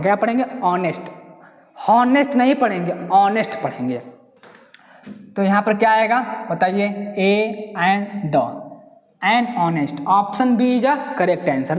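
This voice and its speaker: A man's voice: high-pitched, a little mellow. A man teaching English grammar step by step, quizzing listeners with rhetorical questions. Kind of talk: classroom-style lesson explanation. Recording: echoey room with long reverb.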